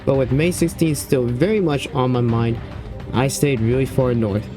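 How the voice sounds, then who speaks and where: A man giving a measured, explanatory voice-over as a storm chaser looking back on his footage. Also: medium pitch, music in the background. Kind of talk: retrospective voice-over narration.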